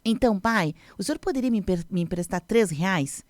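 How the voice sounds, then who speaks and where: A woman's voice: medium pitch, lively intonation, brisk, no room sound, natural voice. Woman reading as a shy small boy, hopeful and pleading, light touch. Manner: timid, pleading, softly hopeful. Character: shy young boy pleading with his father.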